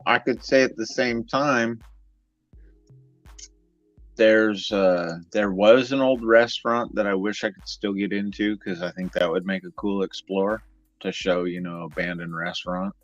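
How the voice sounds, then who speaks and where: A man from the San Diego area hosting a casual chat, telling stories in a relaxed, rambling way. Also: fairly low pitch, unhurried, dry recording, dull audio, soft background music. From San Diego area, United States. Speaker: host.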